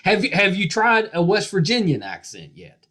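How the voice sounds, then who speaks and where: A man's voice: high voice, huge pitch swings, normal speed, bright, forceful tone. A man hosting a podcast interview, effusive and full of praise, with lots of "yeah.". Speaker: podcast host. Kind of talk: casual interview chat.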